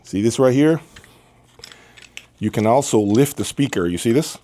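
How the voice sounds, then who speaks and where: The host of an audio equipment review channel talks casually to camera about a product, emphatic and repeating phrases for stress. His mid-range voice has a dark tone, lively intonation and normal speed.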